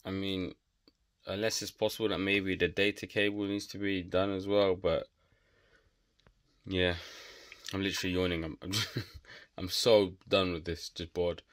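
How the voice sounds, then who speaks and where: A man's voice: deep voice, level tone, moderate pace, no room sound, clean studio sound. A man narrating a home computer repair casually, rambling and thinking aloud with self-deprecating remarks. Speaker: DIY tech vlogger.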